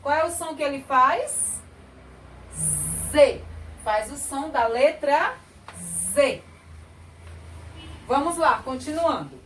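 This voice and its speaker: A Brazilian woman teaching young children, sounding out words slowly and clearly as she explains spelling. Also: high voice, animated, a bit bright, slight background noise. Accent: Brazilian Portuguese. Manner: slow, sing-song, exaggerated word sounding. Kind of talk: children's lesson. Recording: echoey room, a bit far from mic.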